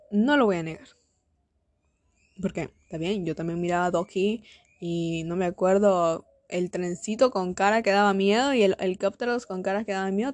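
A woman's voice: medium pitch, a little mellow, no echo. A young woman, rambling sarcastically in a casual solo podcast. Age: young adult. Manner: sarcastic, rambling, quick asides. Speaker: podcast host.

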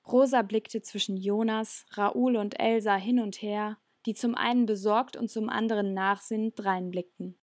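A woman's voice: mid-range voice, fairly even intonation, moderate pace, few pauses, a little mellow, no room sound, clean studio sound. Woman reading a storybook aloud. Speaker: audiobook narrator. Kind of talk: scripted narration.

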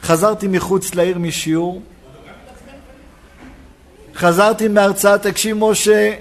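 A rabbi preaching a sermon in a synagogue, telling a personal story and acting out the dialogue. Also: male voice, sits high. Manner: animated storytelling, acts out dialogue.

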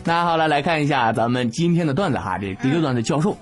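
A man's voice: fairly high pitch, lively intonation, quick pace, loud music behind the voice. A man, hosting a comedy podcast and telling jokes in a playful, slangy way. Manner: playful, laughs often, slangy. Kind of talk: casual joke telling.

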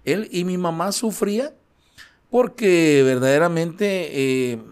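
A man with a Central American Spanish accent, a guest recounting his life story in an interview, talking haltingly with many fillers and tag questions. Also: high voice, expressive, a little mellow. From Guatemala, raised in El Salvador. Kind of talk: personal testimony in an interview.

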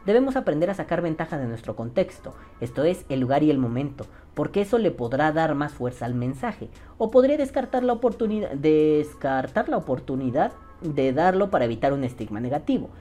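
A podcast host with a Mexican accent reads out listener comments in a low, warm voice whose pitch swings lively up and down. She talks fairly quickly, swearing freely and joking around in heavy slang. Soft music plays in the background.

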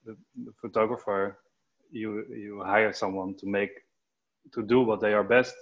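A man with a lowish voice talks shop in a casual video call, hesitating and restarting with fillers as he goes. His voice comes through a headset with dull, lo-fi sound. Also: fairly even intonation, normal speed. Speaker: photographer.

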